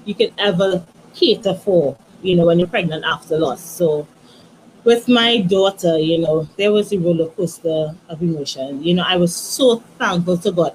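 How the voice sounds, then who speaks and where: Soft-spoken woman telling a personal story. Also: mid-range voice, a little hiss or hum, rough recording. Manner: soft, halting, many restarts and "you know". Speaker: guest, author.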